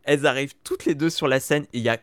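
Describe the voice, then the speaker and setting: A man's voice: medium pitch, very fast, fairly bright tone, dry recording, clean studio sound. A man chatting casually as a podcast co-host, telling stories at length with lots of fillers and repeats. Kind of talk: casual chat recapping TV shows.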